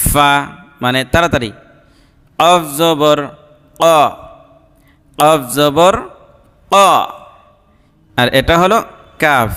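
A man leads a slow, drilled reading lesson, naming each letter and its vowel before blending the sounds together. His voice is clear and smooth and sits a little high. The sound rings with a long hall reverb. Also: fairly bright tone. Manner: spells each letter and vowel slowly, then joins syllables. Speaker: Quran reading teacher.

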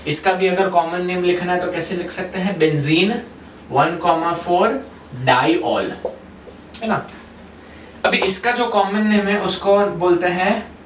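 A man teaching a chemistry lesson at a whiteboard, keeping the class involved with questions and slipping English terms into his explanations. His voice sits a little high for a man. He is recorded from some distance in an echoey room with a faint hiss underneath. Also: fairly bright tone. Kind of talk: whiteboard lecture. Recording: echoey room, far from mic, faint noise.

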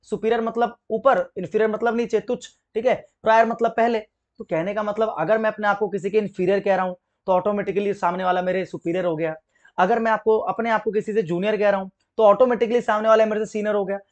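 Fast-talking high-voiced teacher. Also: male voice, fairly even intonation, dull audio. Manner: explains step by step, keeps checking understanding. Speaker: English teacher. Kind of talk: exam-prep grammar lesson.

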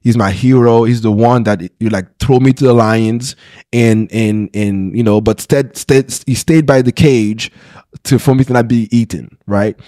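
This is a pastor in his thirties, earnest and candid, recounting his personal story in an interview while restarting often and checking in with "right?". His medium-pitched voice is steady and dark at normal speed, with no room sound on a close podcast mic in a small studio.

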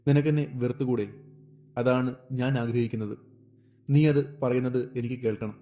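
Remorseful young wife in a storybook reading, pleading, dark mellow voice, read by a man. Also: mid-range voice, fairly even intonation, moderate pace, lightly acted. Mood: anguished.

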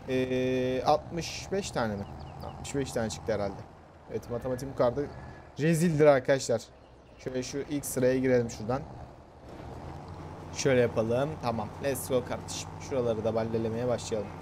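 A young man, a gaming YouTuber, plays a farming game and chats casually with his viewers, joking at his own expense. His voice is medium-pitched, with a noisy background.

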